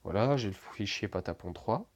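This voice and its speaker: Young guy, lowish voice, laid-back how-to narration, rambling and full of filler words, swears now and then. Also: lively intonation, moderate pace, a little hiss or hum. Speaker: tutorial maker. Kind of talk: casual screen-recording tutorial.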